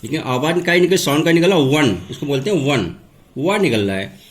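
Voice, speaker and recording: A man teaching English grammar in a classroom lesson. He asks questions and answers them himself, and says key words over slowly. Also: a little high, very animated. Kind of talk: classroom lesson, step-by-step explanation.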